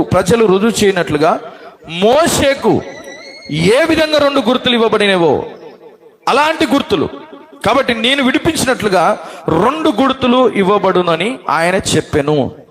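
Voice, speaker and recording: A male pastor preaching a sermon to a congregation, calling for responses and swinging between loud declarations and low asides. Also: lively intonation, normal speed. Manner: call-and-response preaching, urging the congregation to answer. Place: church hall with a congregation.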